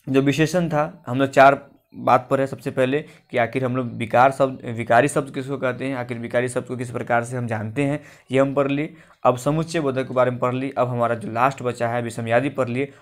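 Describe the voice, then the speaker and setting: A male teacher giving a grammar lesson for exam preparation. He explains step by step, often asks a question and then answers it himself. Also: mid-range voice. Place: coaching class recording.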